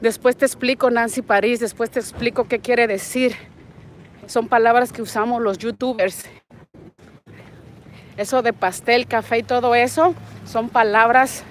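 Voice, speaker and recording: With a fairly high voice and slight background noise, this Nayarit vlogger in her forties chats warmly in Mexican Spanish on her livestream, greeting viewers and reading comments. She's outdoors in a parking lot and on a street, using a wired earbud mic and holding her phone at arm's length.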